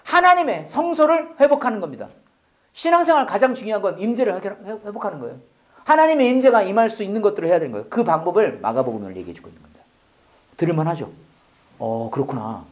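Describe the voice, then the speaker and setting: A man preaching a sermon as a pastor, with joking asides, swinging from loud exclamations to near-whispers. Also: high voice, big pitch swings, quick pace.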